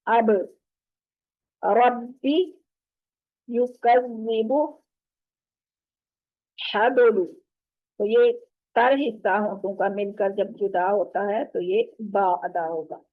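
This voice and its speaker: A woman teaching an online tajweed lesson, patiently explaining and modelling each sound with slow, drawn-out recitation over a video call. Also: mid-range voice, steady tone. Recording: tinny phone-like online call audio.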